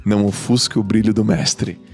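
A man's voice: on the low side, flat delivery, moderate pace, creaky, soft background music. A Brazilian man with a Brazilian Portuguese accent, a podcast guest telling stories in casual chat and acting out the dialogue. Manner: storyteller who acts out quoted dialogue.

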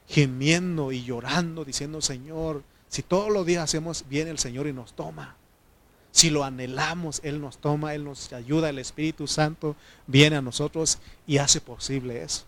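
Speaking a little high, a preacher gives a conversational sermon in an informal style, pausing with fillers and offering frequent amens to the congregation.

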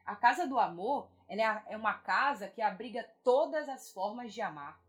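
A woman in her thirties, talking in a gentle, reflective way as a podcast co-host, often asking "né?". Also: a little high, expressive, moderate pace. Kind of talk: reflective conversation on self-acceptance.

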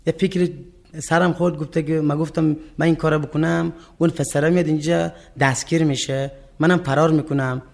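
A young man in his twenties speaks with an Afghan accent in a somewhat raised register. His voice has a gravelly, creaky edge. He answers in short, plain and often halting replies, repeating himself as he goes. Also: a little high, level tone. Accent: Afghan Persian. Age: 20s. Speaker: murder suspect being interviewed. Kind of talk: answering an interview.

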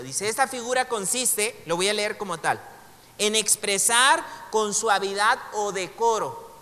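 A Mexican man with a high, bright voice teaches a relaxed Bible class. He chats with his students, jokes along the way and reads passages aloud. The sound carries a long reverb from a large room. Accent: Mexican Spanish. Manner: conversational, joking asides, reads passages aloud. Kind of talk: casual classroom lecture.

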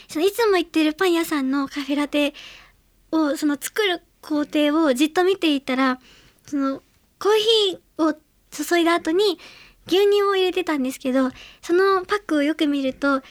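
A woman's voice: high-pitched, dry recording. A young woman from Hiroshima hosting a solo radio segment, talking chattily and earnestly with many small fillers. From Hiroshima, Japan. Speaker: radio show host.

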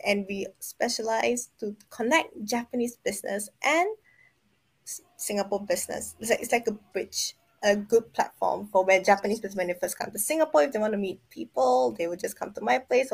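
A woman's voice: mid-range voice, creaky, slightly rough. A woman co-hosting a casual podcast who rambles, halts and corrects herself as she talks. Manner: rambling, halting, self-correcting. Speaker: podcast co-host.

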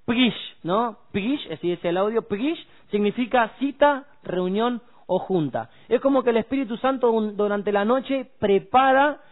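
A man discusses faith on the radio in a preachy, emphatic manner, illustrating with everyday examples in casual devotional talk. His voice sits high and moves at a measured pace with few pauses. The sound is tinny and phone-like.

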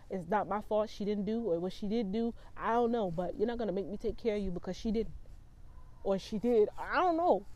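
A young woman in her twenties telling her own story to the camera in a vlog. She talks bluntly and emphatically, cursing freely, with a mellow, warm tone at an ordinary pitch. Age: 20s. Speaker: vlogger.

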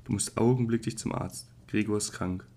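A man's voice: on the low side, fairly even intonation, moderate pace, mellow. A man voicing an anxious middle-aged mother who calls out in a frantic, distressed way.

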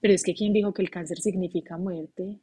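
A woman's voice: lowish voice, fairly even intonation, brisk, warm tone, breathy edge. A woman, a podcast guest candidly recounting an emotional personal story.

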